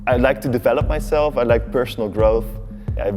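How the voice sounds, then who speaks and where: A man's voice: medium pitch, a little fast, long reverb tail. Eager young Dutch-accented male participant, over music. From Netherlands. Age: 20s.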